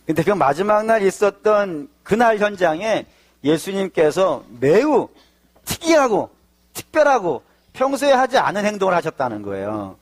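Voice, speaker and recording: A male pastor giving a sermon, explaining patiently, asking and answering his own questions, with sudden loud emphatic bursts. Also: high-pitched, very animated, moderate pace.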